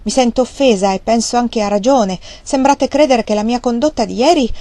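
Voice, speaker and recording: A woman's voice: a little fast, mellow, no room sound, natural voice. A woman reading as a proud, indignant young lady. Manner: raised pitch, tearful indignation.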